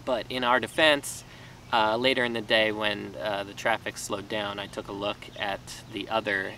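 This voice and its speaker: A man in his thirties, a small farmer, talks to the camera in his vegetable garden for a casual vlog, rambling with fillers and restarts. His voice is on the low side, bright and forceful, at normal speed with little pitch movement. The camera mic picks him up from a few feet away, adding distance and faint outdoor noise.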